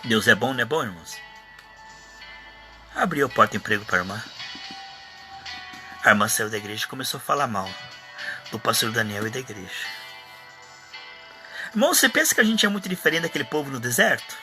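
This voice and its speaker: A man with a Brazilian Portuguese accent preaching a live sermon as a pastor, mimicking whiny churchgoers in high voices. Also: expressive, a little fast, long pauses, sharp tone, soft background music.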